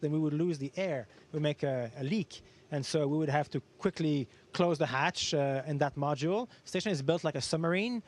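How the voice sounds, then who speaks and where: A man speaking as an astronaut in an educational question-and-answer talk, explaining things simply with everyday comparisons. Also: fairly high pitch. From Canada. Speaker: astronaut guest answering students.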